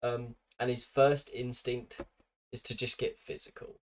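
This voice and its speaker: A man's voice: mid-range voice, flat delivery, measured pace, very noisy. A British man narrating a commentary video in a dry, mocking way, with scripted sardonic remarks.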